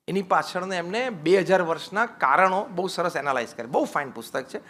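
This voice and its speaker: A man, a swami, giving a humorous religious discourse on married life, lively and teasing, slipping English phrases into his talk. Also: sits high.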